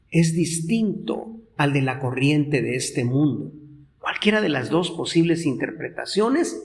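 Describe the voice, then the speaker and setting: Pastor guy preaching, slow and drawn out, kinda high voice. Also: creaky. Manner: slow and deliberate, drawing out quoted lines. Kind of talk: sermon. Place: church.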